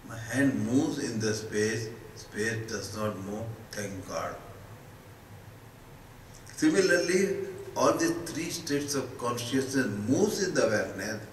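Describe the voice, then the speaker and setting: A man's voice: medium pitch, expressive. Indian man teaching in an echoey hall. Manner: emphatic, rhetorical questions with short deliberate answers. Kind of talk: spoken philosophical discourse to students. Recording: echoey hall, distant mic, faint noise.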